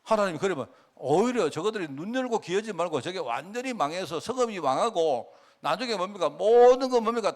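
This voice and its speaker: Middle-aged male pastor, lively sermon delivery, slightly high voice. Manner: animated, asks the congregation questions; acts out God's words in quoted speech.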